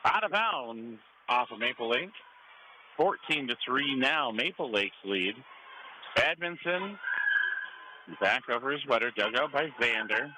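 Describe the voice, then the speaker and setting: An American man calls live play-by-play radio commentary for a volleyball match in an indoor school gym. His medium-pitched voice is animated, measured in pace, with frequent pauses, and noisy gym ambience sits behind him.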